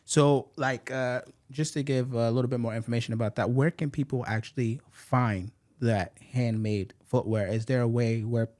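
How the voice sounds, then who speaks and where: An American man hosting an interview podcast, upbeat and quick in bursts, with frequent fillers. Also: mid-range voice, fairly even intonation, darkish tone. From United States. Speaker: podcast host.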